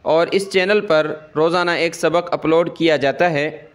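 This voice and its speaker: A man teaching Quran reading step by step, stretching out sounds in slow recitation between plain explanations, and asking the learner questions before answering them himself. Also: fairly high pitch, fairly even intonation.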